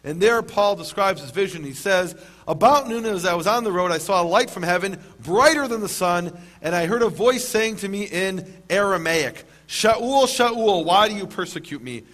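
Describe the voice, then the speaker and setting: A man lecturing a live audience on scripture, with dry humor, slowing down to stress key words. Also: high voice, fairly bright tone.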